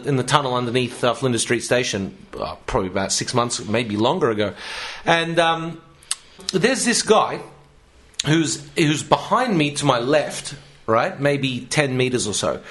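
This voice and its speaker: A man tells rambling, sweary stories in a casual comedy podcast. His voice sits a little high for a man, and he laughs his way through the anecdotes. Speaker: podcast co-host.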